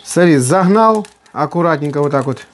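A man's voice: on the high side, animated, moderate pace. A man chatting casually as he cooks, playful and folksy, full of fond diminutives. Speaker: host of a home cooking video. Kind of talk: casual cooking chat while working. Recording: noisy kitchen, clattering and clicking. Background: kitchen work noise.

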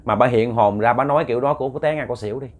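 Speaking rapidly in a mid-range voice, a man with a Southern Vietnamese accent tells a late-night ghost story. He rambles, using fillers and repeated words, and addresses his listeners directly.

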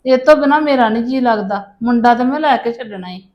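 High-voiced pleading woman. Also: a little fast, dull audio. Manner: pleading, self-pitying. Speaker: mother-in-law wanting her grandson back. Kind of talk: scripted village family drama.

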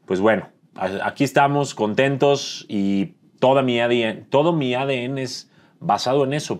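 A man in his thirties with a Mexican Spanish accent, an interview guest talking reflectively about his life and pausing to search for words. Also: lowish voice. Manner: thoughtful, searching for words with fillers. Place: dim studio set with dark curtains.

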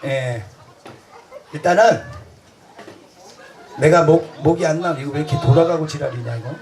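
A man's voice: fairly high pitch, normal speed, a little mellow. A man performing festival stage comedy, boisterous and crude, bantering with the audience and laughing through his lines.

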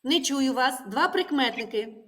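A woman's voice: high-pitched, animated, moderate pace, bright, forceful tone. A woman teaching a primary school class, patiently asking questions and repeating the pupils' answers back to them. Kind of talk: classroom lesson.

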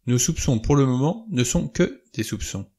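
A man reading a novel aloud, voicing an elderly judge who speaks in a calm, formal, deliberate way. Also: medium pitch, breathy edge. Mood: measured.

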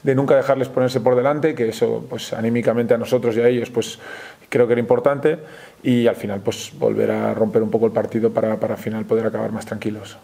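Spanish male coach at a presser, flat delivery, mellow and warm, hesitant. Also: mid-range voice, creaky, slightly rough. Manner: measured, frequent hesitations and restarts. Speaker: basketball coach. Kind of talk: post-game press conference.

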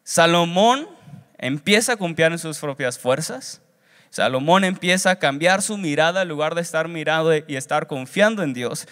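On the stage of a big church auditorium, a young man training at seminary delivers a sermon, his fairly bright voice on the high side. His tone is earnest and teaching, with phrases repeated for emphasis. A handheld wired microphone carries him through the PA into a reverberant hall.

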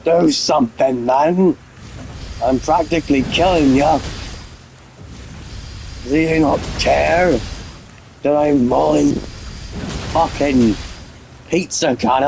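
A man's voice: fairly high pitch, creaky, a little mellow, a little hiss or hum, poor audio. Raging, swearing gamer guy. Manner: swears constantly, rages at the game. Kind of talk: let's play commentary.

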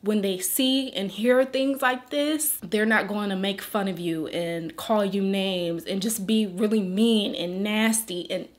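A woman speaks slowly and earnestly in a faith vlog, her voice at an ordinary middle pitch. She pleads and fights back tears, often sinking into a soft, shaky whisper. The talk is unhurried and heartfelt. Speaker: beauty influencer.

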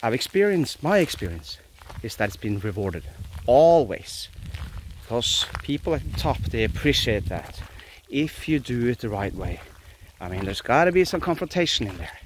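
A man's voice: mid-range voice, big pitch swings, normal speed, slight background noise, rough recording. A Norwegian man in his forties with a Norwegian accent, talking earnestly into a phone held at arm's length in a pine forest, with frequent restarts. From Norway. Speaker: vlogger. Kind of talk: casual philosophical monologue.

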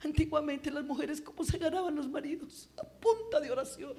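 A woman preaching a Pentecostal sermon to her congregation. She swings between fervent, shouted exhortations and hushed, chatty asides. The delivery carries the feel of a live church service. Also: sits high, a little fast.

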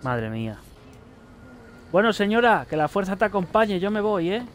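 A man's voice: high voice, sing-song, normal speed, a little hiss or hum. A young man, commenting casually on a horror game as he plays, swearing and chatting to the characters. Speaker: gaming YouTuber. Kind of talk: let's play commentary.

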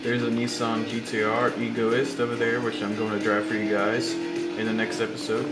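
This gaming channel host speaks in a fairly low, completely flat voice at a normal speed. A young man with a slight cold and sore throat, he rambles through casual let's-play commentary with lots of fillers and restarts, recorded with roomy sound beneath loud game music and engine sounds.

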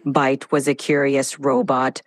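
A woman's voice: extremely low pitch, little pitch movement, no echo, pitched below the performer's own voice. A synthetic woman's voice putting on a robotic voice to tell a bedtime story as a dramatic robot storyteller. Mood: mechanical. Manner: robotic voice, slow and deliberate.

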